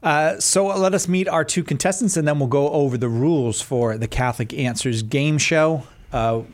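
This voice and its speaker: A man's voice: fairly high pitch, moderate pace. A man hosting a game show with playful, teasing banter. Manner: teasing, mock-doubtful. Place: studio.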